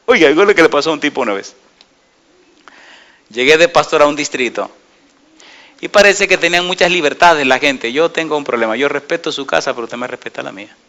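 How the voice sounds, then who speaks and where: Pastor predicando con fuerza, voz brillante. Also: male voice, a little high, brisk, long pauses. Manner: preaches with many rhetorical questions to the congregation, lively storytelling. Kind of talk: sermon.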